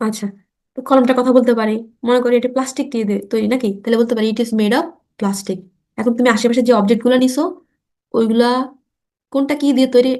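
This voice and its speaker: A woman teaching a spoken English lesson, stretching out model sentences slowly and often asking quick check questions. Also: fairly high pitch, darkish tone. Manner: slow, drawn-out model sentences for repetition; asks rhetorical check questions.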